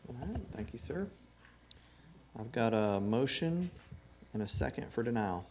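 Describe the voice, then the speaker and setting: A man chairing a council meeting with measured, orderly, formal procedure. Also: mid-range voice, animated, a little mellow. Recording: noisy room ambience.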